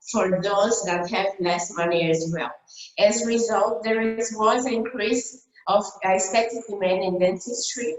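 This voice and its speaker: Woman, from Brazil, Portuguese native, conference talk over slides, halting with fillers, medium pitch, echoey room, video call. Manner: halting, many fillers and restarts. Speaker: dentist presenting a case report. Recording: roomy echo.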